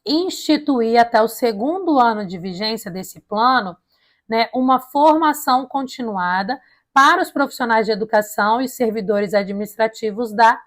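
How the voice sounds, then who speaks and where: A Brazilian woman lecturing informally, with tongue-tied, slightly slushy s sounds, asking and answering her own questions and checking in with listeners. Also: on the high side. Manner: colloquial, asks and answers own questions, frequent check-in tags. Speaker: teacher preparing students for a public service exam. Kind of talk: informal lecture explaining an education plan point by point.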